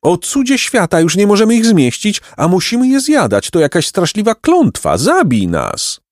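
Wailing greedy storybook pelicans, high and whiny, a man voicing them. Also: very animated, moderate pace, a little mellow, no echo, clean studio sound. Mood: lamenting. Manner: whining, theatrical lamenting.

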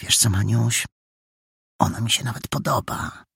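A soft-hearted, hesitant boy, as a man puts him on in a storybook reading, his pitch lifted well above the narrator's. His speech wavers between earnest and hushed, with a breathy, husky grain and dry, close sound. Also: wildly swooping pitch, measured pace, dry recording, heavily acted. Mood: shy. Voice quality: hesitant, half-whispered at times.

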